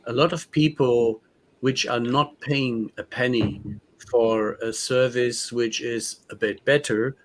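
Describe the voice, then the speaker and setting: A man co-hosting a panel discussion, speaking in a measured, deliberate way. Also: mid-range voice, steady tone.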